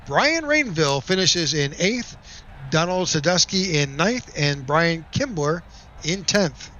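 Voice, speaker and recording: High, bright-voiced race announcer man. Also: slow pace, highs cut off, slight background noise. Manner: upbeat announcer, reads results in a steady list. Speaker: play-by-play announcer. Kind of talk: race broadcast commentary.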